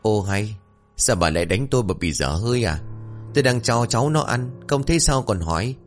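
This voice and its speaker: A man voicing a kindly village man near fifty who coaxes a child gently and argues stubbornly with his wife. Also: on the low side, animated, fairly quick, soft background music, natural voice. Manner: gentle, coaxing, then stubborn and defensive.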